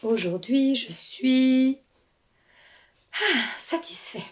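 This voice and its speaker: A woman voicing a little fish that tells its feelings, in whispered role-play, slow, soft and drawn out. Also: high-pitched, expressive, heavily acted. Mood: hushed.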